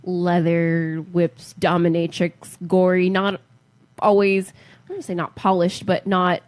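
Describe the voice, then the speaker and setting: A woman's voice: on the low side, slow pace. A woman co-hosting a podcast in casual, chatty conversation. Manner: animated, chatty. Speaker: podcast co-host. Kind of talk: casual chat.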